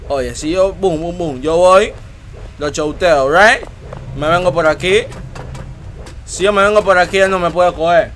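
A man giving let's-play commentary, excitable, yelling and taunting the game monster. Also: high voice, unhurried, pauses often, a little hiss or hum. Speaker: gamer host.

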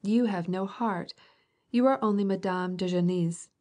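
A woman's voice: mid-range voice, unhurried, dark tone, close to an everyday voice. A woman reading aloud and voicing an earnest, lovestruck girl who takes offense easily. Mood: offended.

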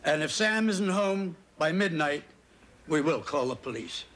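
An actor playing a kindly, wry older American grandfather with deadpan comic timing in a television sitcom. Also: a little high, a little slow. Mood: practical. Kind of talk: television sitcom acting before a studio audience. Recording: very noisy TV sitcom soundtrack.

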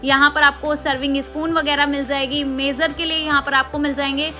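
A woman's voice: sits high, flat delivery, fairly quick, sharp tone, faint music behind. A woman talking through a casual shopping vlog in a chatty, enthusiastic, salesy way. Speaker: shopping vlogger.

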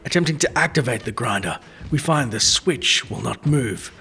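A man's voice: medium pitch, lively intonation, moderate pace, vocal fry, sharp tone, slight background noise. A man giving scripted, dramatic narration of a video game's story in formal, literary phrasing. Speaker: narrator of a game lore series.

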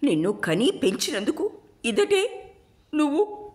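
A woman's voice: high-pitched, big pitch swings, measured pace, a little mellow, voice pushed up. A woman storyteller voicing a furious middle-aged mother who screams and weeps at her daughter. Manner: screaming, tearful.

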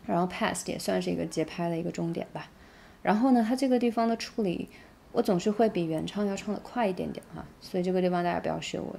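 Chinese-speaking woman going over english lyrics word by word, slightly low voice, laid-back tutorial vibe. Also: creaky, a little mellow, a little hiss or hum. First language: Mandarin Chinese. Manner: explains slowly, demonstrating lyrics word by word. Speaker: English pronunciation teacher. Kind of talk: casual song pronunciation tutorial.

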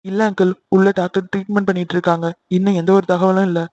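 A man voices a worried young man in a homemade cartoon, earnest and pleading. He talks fast in a high, lively register. The recording is dry and a little dull, like a lo-fi home mic. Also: close to an everyday voice. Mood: calm. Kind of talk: amateur cartoon dubbing.

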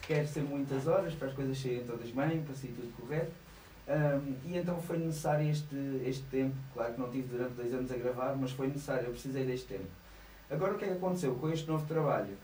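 A man's voice: medium pitch, fast talker, darkish tone, echoey room, far from the mic, a little hiss or hum, low-quality recording. A man in his thirties with a European Portuguese accent, a singer chatting as a guest in a small radio studio, laughing often and hesitating. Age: 30s. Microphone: studio mic, headphones on.

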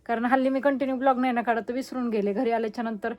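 A woman's voice: a little high, fairly even intonation, racing, a little mellow. A young woman, chatting casually in a family vlog and teasing the kids. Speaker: vlogger.

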